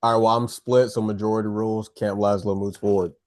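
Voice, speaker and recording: Excited, jokey man on a podcast. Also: on the low side, brisk, dry recording, clean studio sound. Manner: enthusiastic, jokey. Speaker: podcast co-host. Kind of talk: casual chat.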